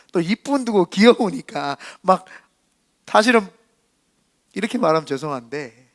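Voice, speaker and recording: High, animated male pastor preaching. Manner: lively, conversational preaching with playful asides. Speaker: senior pastor. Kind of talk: Sunday sermon.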